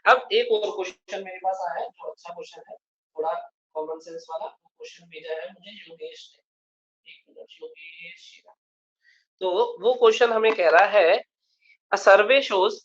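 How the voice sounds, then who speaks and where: A man's voice: high voice, normal speed, a bit bright, lo-fi sound. A male math teacher giving a live online lecture, explaining a problem step by step and often checking that students follow.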